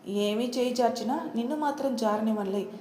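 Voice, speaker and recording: A woman's voice: a little high, fairly quick, dark tone, reverberant, slight background noise, close to an everyday voice. A woman voicing a young male boss who talks in a commanding, teasing way. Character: young male boss, bossy yet playful.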